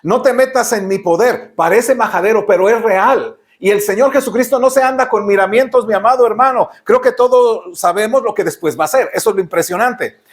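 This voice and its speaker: High-voiced Mexican preacher, emphatic. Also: male voice, a little fast, few pauses. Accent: Mexican Spanish. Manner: emphatic preaching, frequent rhetorical questions to the congregation. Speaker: pastor. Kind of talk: sermon.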